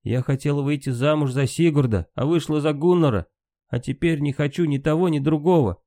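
A man's voice: a little high, brisk, dark tone, dry recording, studio quality, voice pushed up, close to an everyday voice. A man voicing a proud, grieving valkyrie queen in an audiobook, with a raised, impassioned delivery. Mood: anguished.

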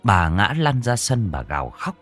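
A man narrating a ghost story in an expressive, dramatic reading. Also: fairly low pitch, normal speed, faint music behind.

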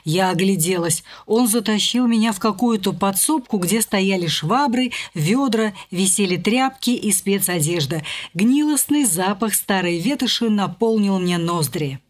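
A woman reading a first-person novel aloud as an audiobook narrator, shifting her pitch and pace to voice the characters. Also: expressive, a little slow.

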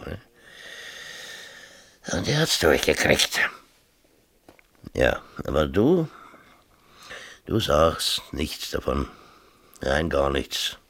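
In a 1970s East German radio drama, a male actor plays an agitated, self-pitying small-town mayor and exasperated father, middle-aged, rambling and insistent in colloquial dialogue peppered with tag questions. He uses a full character voice that is very deep with vocal fry yet fairly bright in tone.

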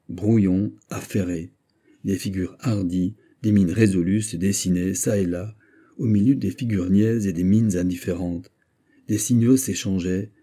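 Husky, dark-voiced male narrator. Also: sits low. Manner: steady, measured literary reading. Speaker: audiobook narrator. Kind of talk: scripted narration of a classic novel.

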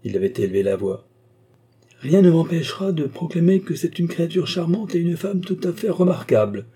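Man playing a boisterous old gentleman, hearty, higher than the narration, dark husky tone, audiobook. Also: very animated, fairly quick. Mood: insistent. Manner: boisterous, exclamatory. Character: blustering hearty old gentleman card player.

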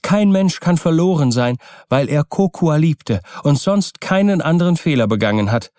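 A man's voice: a little high, lively intonation, moderate pace, darkish tone, no echo, studio quality, voice pushed up, lightly acted. A man voicing a devoted, determined young wife in an audiobook reading, in a pleading, earnest manner. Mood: impassioned.

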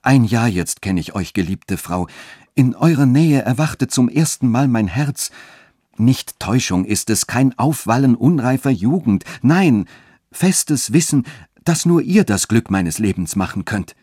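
A man's voice: medium pitch, lively intonation, normal speed, few pauses, a little mellow, breathy edge, no room sound, clean studio sound, pitched above the performer's own voice. A man voicing a passionate young lover who pleads fervently and urgently. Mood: pleading ardently.

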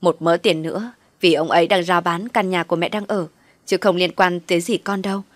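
A woman voicing a scheming middle-aged mother who wails and pleads loudly, reading a spoken story. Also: lowish voice, fairly even intonation, a little fast, dry recording, natural voice. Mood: tearful pleading. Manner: loud, tearful pleading.

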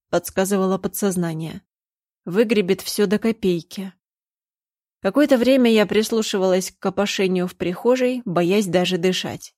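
A woman's voice: mid-range voice, a little mellow, no echo, clean studio sound. A woman narrating a first-person story in a tense, dramatic reading. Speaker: audiobook narrator.

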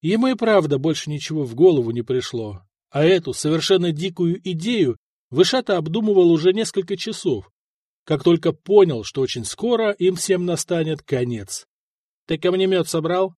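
A man reads a historical adventure aloud, shaping each sentence with dramatic color. His voice sits fairly high for a man and moves a lot in pitch. The sound is close and dry. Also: normal speed, no room sound. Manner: expressive, dramatic storytelling. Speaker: narrator. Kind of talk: audiobook narration of historical fiction.

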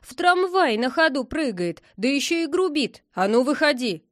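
A reproachful patrolman in a storybook, as a woman puts him on, lecturing in a raised, high voice. The sound is dry and close to the mic. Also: animated, a little slow, no room sound. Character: adult male street patrol volunteer, lecturing.

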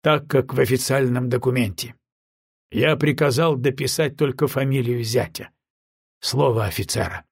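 A man voicing a weary older admiral who speaks in a flat, emotionless voice. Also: medium pitch, moderate pace, vocal fry, husky, dry recording, studio quality. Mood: resigned.

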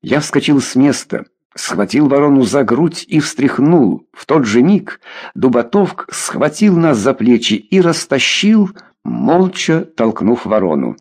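A man narrates a novel in the first person with a slightly husky voice. He reads slowly and with a lot of expression, and his pitch rises and falls vividly. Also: big pitch swings, a little mellow. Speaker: audiobook narrator.

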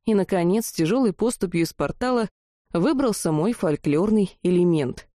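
A woman narrating a first-person fantasy audiobook in a lively, amused storytelling manner. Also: on the low side, normal speed, dry recording, studio quality.

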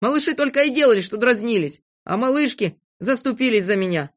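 A storybook reader voicing a sullen little boy who mutters gruffly. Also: medium pitch, lively intonation, a little fast, voice pushed up, lightly acted. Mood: earnest. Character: sulky little boy, boastful but remorseful.

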